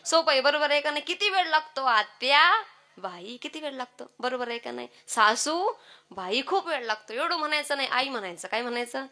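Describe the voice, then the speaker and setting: A woman preaching a humorous kirtan sermon to a live audience, lively and often asking the crowd whether she is right. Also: high voice, fast talker, hardly any pauses.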